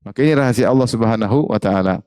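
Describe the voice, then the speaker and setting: A man's voice: on the low side, rapid-fire, mellow, clean tone, dry recording. Male preacher, dry close sound. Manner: asks the audience questions and repeats key phrases. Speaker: Islamic preacher. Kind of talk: religious study lecture.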